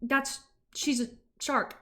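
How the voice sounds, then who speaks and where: A woman with a high, bright and forceful voice gives her reaction in casual streamer chat. She is informal and animated, stressing her points and slipping into quoted reactions. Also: slow pace.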